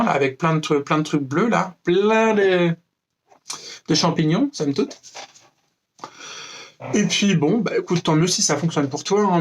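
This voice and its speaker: A young man from France rants to camera with mocking sarcasm. His voice sits a little high for a man, and he rambles through fillers and restarts as he goes. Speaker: vlogger. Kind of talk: freestyle rant to camera.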